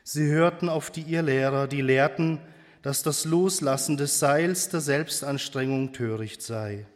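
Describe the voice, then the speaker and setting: Slow-speaking man preaching in a church. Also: medium pitch, long reverb tail. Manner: slow, hesitant, with pauses and fillers. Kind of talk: sermon.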